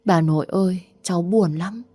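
A woman's voice: lowish voice, moderate pace, mellow, no echo, natural voice. A woman voicing a distressed young daughter who speaks in a pleading, anxious way, raising her voice slightly, in a storybook reading.

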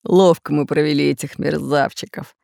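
A woman voicing a scheming red-bearded male pirate who booms slowly in a low voice. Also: steady tone, a little mellow, no room sound, clean studio sound. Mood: gruff. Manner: deep gruff booming, slow.

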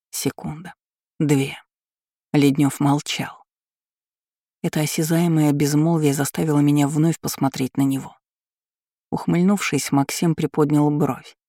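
A male audiobook reader narrating a first-person novel in a steady, measured voice. His tone is mellow and dark with a rather flat melody, slightly higher than most men. The studio sound is dry and close. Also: no room sound.

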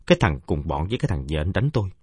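Husky, low-voiced male storyteller. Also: big pitch swings, very fast, a little mellow, no echo. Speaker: narrator. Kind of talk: audiobook narration.

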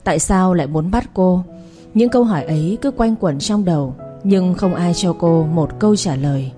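Low, mellow female storyteller. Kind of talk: reading a romance novel aloud.

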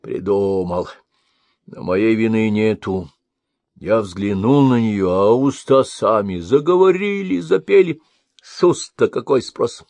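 A man's voice: lowish voice, slow, gravelly, no room sound. A man voicing a boastful young minstrel spinning a tall tale. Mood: sheepish. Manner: lively, boastful storytelling.

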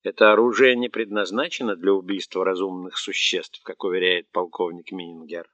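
A man voicing a gruff but patient male army sergeant who explains things calmly with a mild tease, in an audiobook. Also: fairly low pitch, dry recording, close to an everyday voice. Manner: calm, explaining, mildly teasing. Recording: dull, muffled audiobook recording.

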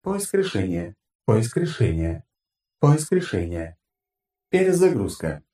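A man's voice: fairly low pitch, very animated, slow, dark tone, roomy sound, distant mic. A man voicing a malfunctioning combat AI system in an audiobook, a glitching robot that keeps reporting errors and reboots. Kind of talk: audiobook narration.

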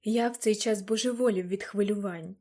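A woman's voice: medium pitch, fairly even intonation, moderate pace, warm tone, close to an everyday voice. A woman reading as an earnest old grandfather. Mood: worried. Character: elderly grandfather, earnest, a bit guilty.

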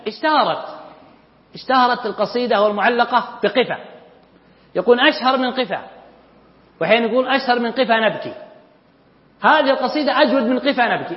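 Guy teaching old poetry, high voice, echoey hall, kinda muffled lo-fi sound. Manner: explains verses line by line, addresses students as brothers, recites poetry slowly. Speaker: Arabic literature lecturer. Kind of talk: classroom lecture on classical poetry.

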